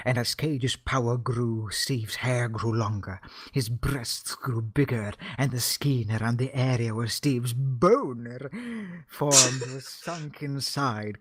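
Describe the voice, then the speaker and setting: A man reading a parody scripture aloud for laughs, in a deadpan, solemn tone that now and then breaks into laughter and leaves him short of breath. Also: medium pitch, breathy edge. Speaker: reader.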